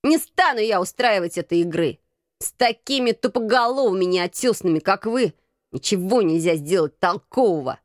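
A woman reading an audiobook, voicing a bossy crippled street boy who leads a gang and barks gruff commands. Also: medium pitch, lively intonation, moderate pace, no room sound, clean studio sound, natural voice. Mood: angry. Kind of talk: audiobook character voice.

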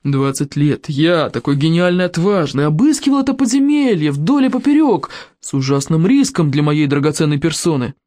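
An audiobook narrator voicing a pompous, self-important adult male adventurer who whines in drawn-out, boastful phrases. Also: mid-range voice, dark tone, close to an everyday voice. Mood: indignant. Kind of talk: audiobook character reading.

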